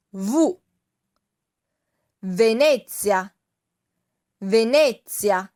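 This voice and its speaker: A woman language teacher with a Mandarin Chinese accent, patiently explaining a lesson in careful steps. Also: on the high side.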